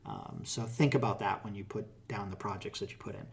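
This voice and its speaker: Boston-accented middle-aged man, relaxed. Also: fairly low pitch, brisk, gravelly. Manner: relaxed, explanatory, many fillers and restarts. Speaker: tech hiring manager. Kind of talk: casual interview conversation.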